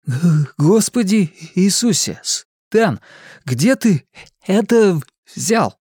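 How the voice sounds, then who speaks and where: A solemn, stammering boy in an audiobook who trips over his opening sounds and pushes on anyway. His voice sits higher than the narration around him, voiced by the reader. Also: big pitch swings, extremely slow, darkish tone, breathy edge, no room sound, clean studio sound, full character voice. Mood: awed. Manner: heavy stutter on first sounds. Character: stammering boy, earnest and serious.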